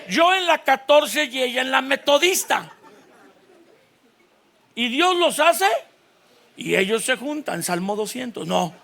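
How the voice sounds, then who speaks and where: A Mexican man in his sixties, a pastor giving a lively, joking sermon at a church conference, full of stories. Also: extremely high pitch. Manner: animated, storytelling, jokes with the audience.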